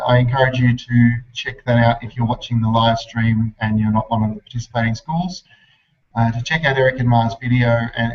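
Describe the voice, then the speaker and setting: A man's voice: medium pitch, dull audio. Man hosting a distant video call. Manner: formal, measured introductions with frequent pauses. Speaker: host.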